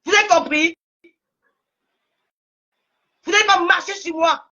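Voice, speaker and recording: Angry Cameroonian woman ranting, high voice. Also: measured pace, bright, forceful tone, muffled recording. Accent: Cameroonian French. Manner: heated, repetitive, scolding, voice breaking at times. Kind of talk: angry social media rant.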